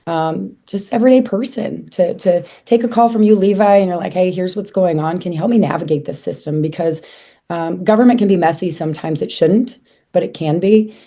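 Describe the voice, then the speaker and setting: A woman in her forties from South Dakota, hoarse from a cold, chatting as an interview guest with lots of fillers and restarts. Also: lowish voice, fairly quick, mellow. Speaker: guest, association leader. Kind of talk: casual interview chat.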